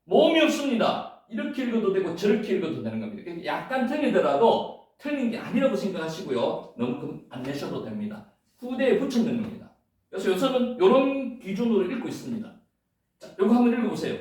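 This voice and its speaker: High-voiced male lecturer, lively pitch, booming echo, mic distant, playful and repetitive teaching. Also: quick pace. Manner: playful, repeats words, sometimes chants. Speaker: Bible Hebrew lecturer. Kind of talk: classroom lecture. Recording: echoey room, mic far off.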